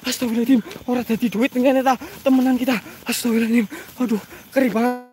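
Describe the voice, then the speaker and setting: High voiced banyumas guy groaning through a ghost hunt vlog outside, keeps pleading over and over. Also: little pitch movement, fast talker. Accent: Banyumas Javanese. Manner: groaning, repeated pleading exclamations. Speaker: mystery vlogger. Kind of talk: comic ghost-hunting live commentary. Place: haunted garden outdoors.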